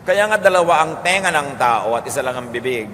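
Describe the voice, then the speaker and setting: A man with a Filipino accent giving a calm teaching sermon, moving between Tagalog and English. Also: mid-range voice, a little fast. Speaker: preacher. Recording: long hall reverb with faint noise.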